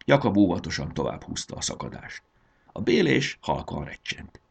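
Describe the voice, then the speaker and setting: Male narrator reading a children's story; very low, lively delivery. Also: vocal fry, husky.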